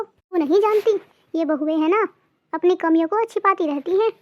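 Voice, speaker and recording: Woman doing a shrill gossiping neighbor auntie. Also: highs cut off. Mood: loud, preachy. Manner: insinuating, stirs suspicion. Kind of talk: cartoon dubbing.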